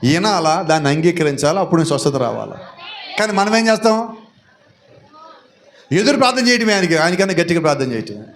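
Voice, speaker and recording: A male pastor preaching a sermon and firing rhetorical questions at the congregation, often shouting. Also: on the high side, sing-song, fast talker, pauses often, slight background noise.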